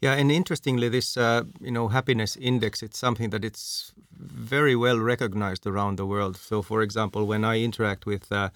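A man from Finland hosting an interview, measured and steering the talk with questions. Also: fairly low pitch, steady tone, a bit bright. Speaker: interviewer, host. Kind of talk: conversational interview.

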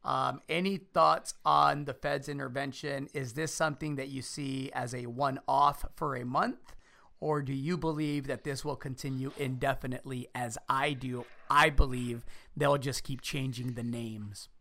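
Bright gravelly male podcast co-host. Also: medium pitch, steady tone, unhurried. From Chicago, USA. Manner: upbeat, addresses listeners directly. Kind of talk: casual finance podcast chat.

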